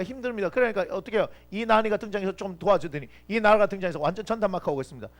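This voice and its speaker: A man preaching a lively youth sermon as pastor, swinging from loud exclamations to quiet asides and acting out Bible figures. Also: high voice.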